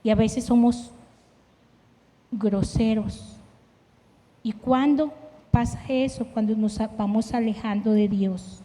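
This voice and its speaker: A woman's voice: fairly high pitch, fairly even intonation, slow, pauses often, warm tone. A middle-aged woman preaches a sermon on marriage, earnest and personal, sharing stories from her own life. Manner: earnest, personal and emotive, with self-deprecating anecdotes. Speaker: church leader preaching with her husband. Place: church sanctuary. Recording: long reverb of a church hall.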